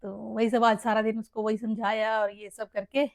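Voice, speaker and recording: A woman's voice: fairly high pitch, level tone, normal speed, creaky, dry recording. Chatty middle-aged Haryanvi mother. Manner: emotional, rambling, often addresses listeners as "bhai". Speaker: mother and family vlogger. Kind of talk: casual heartfelt vlog chat.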